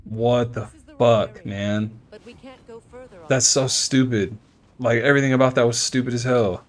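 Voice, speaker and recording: A man giving casual live commentary on his game, swearing, thinking out loud and yelling in frustration at enemies while he chats with viewers. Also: mid-range voice, fairly even intonation, a little slow. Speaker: video game streamer.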